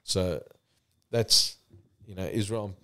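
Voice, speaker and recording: Very low-voiced man, plain-spoken. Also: steady tone, slow, pushed and bright, clear, resonant tone. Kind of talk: casual chat and unhurried storytelling.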